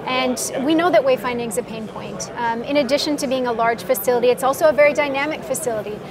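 A middle-aged woman with a fairly high voice explains her work in a measured, steady way, pausing on ums between points. She sits in a trade show booth, and the busy hall's crowd chatter carries behind her. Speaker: mall IT director, guest. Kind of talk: conversational interview.

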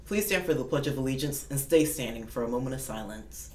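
A man's voice: mid-range voice, expressive, quick pace. A man hosting school morning announcements over an intercom, reading formally with occasional restarts. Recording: echoey and distant with faint noise.

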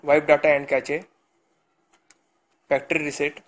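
Tech tutorial host: man, slightly high voice, clipped step-by-step delivery. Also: monotone, measured pace. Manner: short step-by-step instructions. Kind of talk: phone tutorial voice-over.

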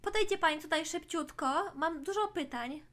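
Pushy, wheedling twin sisters out to rob a shop, greedy and scheming, voiced in a high register, as a woman puts them on for a toy play story. They hurry the shopkeeper along and demand to see everything. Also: moderate pace, fairly bright tone.

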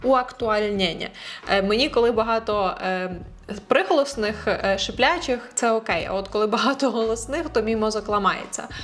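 A woman teaching an online language lesson, chatty and encouraging, slowing down to carefully over-enunciate hard words. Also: a little high, faint music behind.

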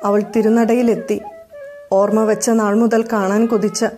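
A woman storyteller reading a scripted devotional story in a calm, even manner. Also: medium pitch, a little slow, faint music behind. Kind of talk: scripted narration.

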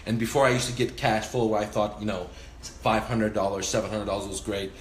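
Man, forties, low-ish voice, profane and emphatic, casual vlog, echoey room. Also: little pitch movement, fairly quick, slight background noise. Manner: profane, emphatic, talks with his hands. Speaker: real estate investor. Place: indoors, small room by a window.

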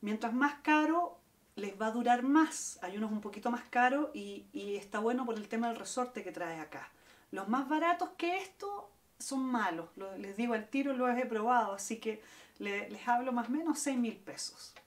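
A woman's voice: on the high side, expressive, normal speed. A woman teaching a guitar lesson, explaining step by step and counting out the strums. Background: acoustic guitar playing.

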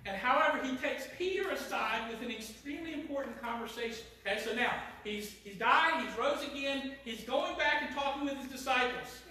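A man preaching a sermon, reading scripture aloud and dropping low and slow at solemn lines. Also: sharp tone, a little hiss or hum. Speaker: pastor. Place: church sanctuary. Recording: echoey church sanctuary, mic at a distance.

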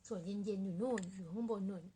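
A woman vlogging casually about her cats in a small apartment room, talking softly and quietly in a relaxed, rambling way. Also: mid-range voice, quick pace, slight background noise. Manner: speaks softly and quietly to avoid disturbing neighbours; rambling and relaxed with many fillers. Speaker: cat owner vlogger. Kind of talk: casual chat to camera.

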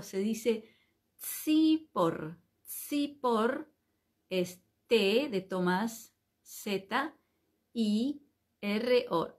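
A woman teaching a live online Hebrew class, speaking patiently and spelling each word out letter by letter. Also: fairly high pitch.

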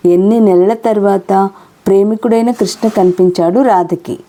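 A woman narrating a romance novel aloud in steady, even storytelling. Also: medium pitch, moderate pace. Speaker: audiobook narrator.

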